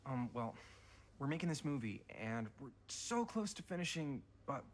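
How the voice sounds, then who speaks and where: An actor voicing a sweet-talking teenage younger brother in a video game, hesitant and coaxing. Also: male voice, mid-range voice, big pitch swings, moderate pace.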